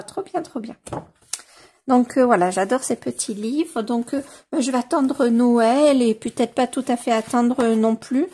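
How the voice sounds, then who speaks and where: Woman, husky, mellow, rather high, enthusiastic, lots of fillers, home camera recording. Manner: enthusiastic, many fillers, reads English titles slowly. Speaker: coloring-book reviewer. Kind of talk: casual flip-through commentary.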